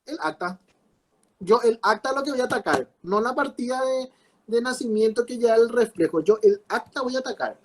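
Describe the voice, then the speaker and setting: A man's voice: very high voice, expressive, normal speed, low-quality recording. A man teaching a class, explaining with repeated rhetorical questions. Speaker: law teacher. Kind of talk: class lecture.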